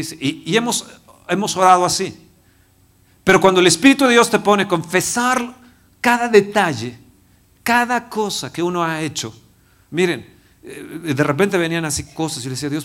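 A man in his fifties, a pastor, preaching a personal testimony with emotion, dropping to a hushed voice and rising again. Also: high-pitched. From Mexico. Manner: emotional, swings from loud to hushed. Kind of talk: sermon testimony.

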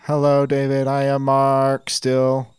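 A man's voice: mid-range voice, slow, smooth, dry recording, close to an everyday voice. A man playing a glitching robot that keeps rebooting and speaks in stiff, formal phrases that repeat. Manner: flat formal robot speech, repeats itself when glitching. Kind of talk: improvised comedy sketch.

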